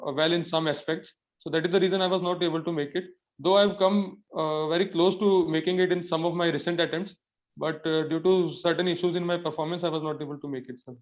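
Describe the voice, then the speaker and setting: A young Indian man with a slightly high voice answers formally as an interview candidate. He sounds nervous and halting, deferring politely to the panel. The recording is dull and lo-fi. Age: young adult. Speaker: civil service candidate in a mock interview. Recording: dull lo-fi audio.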